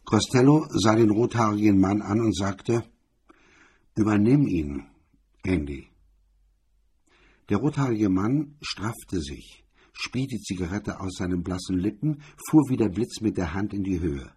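Very husky, dark-voiced male narrator. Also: on the low side, expressive, moderate pace. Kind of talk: scripted narration of a crime story.

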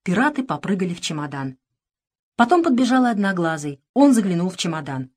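Woman narrator, children's audiobook, lively expressive delivery. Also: on the low side, brisk.

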